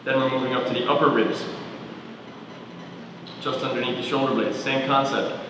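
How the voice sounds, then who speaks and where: Male movement coach, calm guided body-scan cues, distant mic, roomy reverb. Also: mid-range voice, normal speed, noisy background. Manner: calm, questioning, step-by-step cues. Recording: echoey roomy sound from far off.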